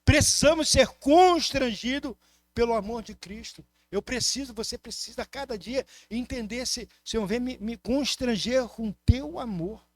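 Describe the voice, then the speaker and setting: A man with a Brazilian Portuguese accent preaching a sermon as pastor, impassioned, moving between loud emphasis and soft asides. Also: extremely high pitch, normal speed, no room sound.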